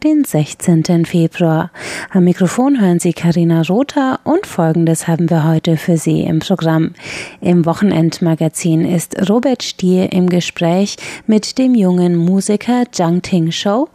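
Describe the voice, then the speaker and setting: A woman hosting a radio program, reading the rundown of the show in an even, measured way. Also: lowish voice, dry recording. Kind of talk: scripted radio announcement.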